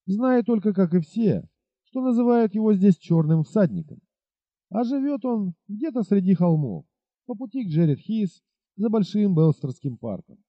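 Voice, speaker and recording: A man reading aloud, voicing a burly village innkeeper who gives advice in a folksy, unhurried way. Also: high voice, expressive, no room sound, pitched above the performer's own voice. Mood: unruffled. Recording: dull lo-fi recording.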